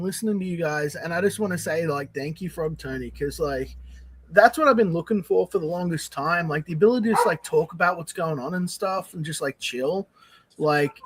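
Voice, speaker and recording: A man's voice: on the high side, fairly quick, fairly bright tone, rough recording. A man chatting casually as a guest on a live show, rambling with lots of "like" and some swearing. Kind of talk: casual chat. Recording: faint background noise, room ambience.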